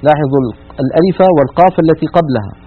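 A man with a slightly high, husky voice teaches recitation rules on a broadcast lesson. He is methodical and draws out his example words slowly. The sound is thin and narrow, like an old radio feed. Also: animated.

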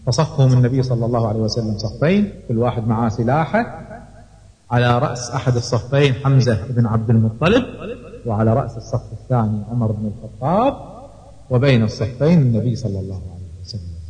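A man's voice: mid-range voice, animated, fast, warm tone. A man preaching in a storytelling way, dramatically acting out the quoted speech. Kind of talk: sermon storytelling. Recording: long hall reverb.

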